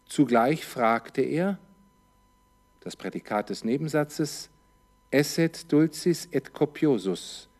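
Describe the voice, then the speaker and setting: Male teacher, unhurried and methodical, walks through a translation word by word. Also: mid-range voice, a little mellow. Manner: methodical, poses questions and answers them; parses grammar line by line. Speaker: Latin teacher. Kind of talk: slow step-by-step translation lesson.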